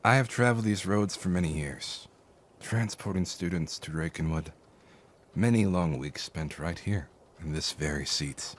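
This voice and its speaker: In a fantasy audio drama, a man voices a courteous, philosophical cart driver, speaking with formal, deferential care in a very low, natural voice. His moderate-paced delivery feels warm and wistful, with faint noise running behind him.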